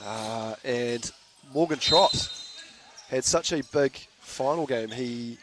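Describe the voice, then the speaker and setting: A man with a New Zealand accent doing live basketball commentary in a relaxed, chatty way, trading jokes with his co-host. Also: medium pitch, slow pace, a little hiss or hum. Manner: laid-back, chatty, laughs easily. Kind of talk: live sports commentary with banter.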